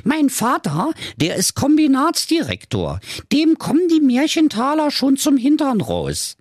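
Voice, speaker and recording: A man voicing a spoiled, rude rich young woman in a shrill falsetto with a Berlin accent. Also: wildly swooping pitch, unhurried, no echo, clean studio sound, full character voice. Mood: snippy.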